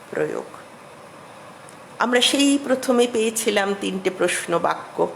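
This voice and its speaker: A middle-aged woman giving an academic lecture as a literature professor, measured and explanatory, with emphatic rises. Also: low voice, creaky, slight background noise, poor audio.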